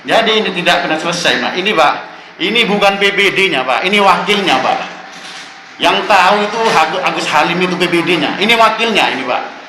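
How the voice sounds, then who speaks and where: A man, making an impassioned complaint at a council hearing and insistently addressing the officials as "Pak" after nearly every phrase. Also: sits high. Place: council meeting room. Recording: echoey room with steady background noise.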